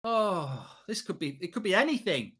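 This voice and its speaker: Sharp, forceful football fan host ranting. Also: male voice, high-pitched, very animated, moderate pace, slightly rough. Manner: exasperated, emphatic, repetitive, swearing. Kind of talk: live match reaction rant. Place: small indoor studio set at a desk.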